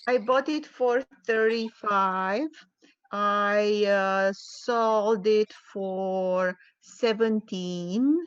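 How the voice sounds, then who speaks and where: Woman from romania on a call, slow and hesitant, dry muffled sound. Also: mid-range voice, fairly even intonation, smooth, no room sound. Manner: slow, careful, hesitant with fillers. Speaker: caller asking about a note. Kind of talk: live Q&A call.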